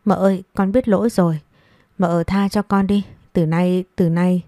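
A frightened young servant girl who pleads through tears, read by a woman narrator. Her voice is low and mellow. It is recorded dry and close. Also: steady tone, moderate pace, dry recording, close to an everyday voice. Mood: pleading. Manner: pleading, tearful.

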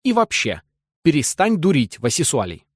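A man voicing a cool, dismissive young wife walking out on her husband, answering curtly and calmly. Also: fairly high pitch, moderate pace, slightly rough, no echo, clean studio sound, full character voice. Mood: irritated. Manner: curt and calm, at times irritated.

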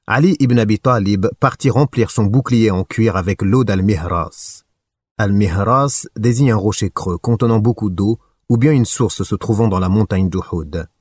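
A man reading a religious biography aloud as an audiobook narrator, measured and solemn. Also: lowish voice, a little mellow, breathy edge, no echo.

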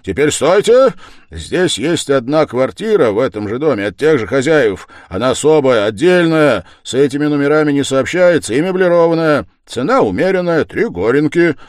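A man doing a loud excited young friend. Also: a little high, normal speed, no room sound, clean studio sound, pitched above the performer's own voice. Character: frantic devoted young male friend.

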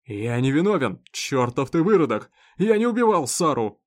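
A man voicing an enraged grieving farmer who shouts in fury, in a read-aloud story. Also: medium pitch, big pitch swings, moderate pace, natural voice. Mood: furious. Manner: shouting, furious.

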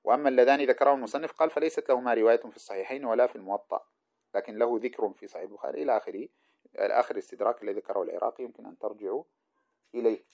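A man's voice: mid-range voice, racing, vocal fry, a little mellow. A man teaching hadith sciences in a lecture, reading passages aloud and spelling out the letters and vowels of names as he explains them. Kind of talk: lecture commenting on a classical text. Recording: dull lo-fi recording.

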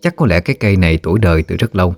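A man narrating a ghost story in a steady, measured way. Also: deep voice, dry recording, faint music behind.

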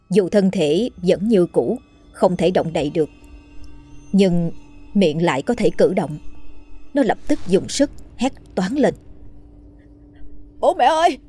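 A woman narrating a scripted horror story in a steady, measured way. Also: on the low side, husky.

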